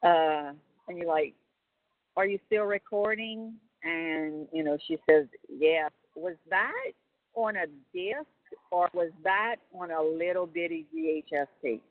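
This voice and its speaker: A woman's voice: lowish voice, a little slow. A woman chatting casually and colloquially on a phone call, rambling as she goes. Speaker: caller on a prison phone call. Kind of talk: casual personal phone chat. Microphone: telephone. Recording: tinny narrow-band phone line.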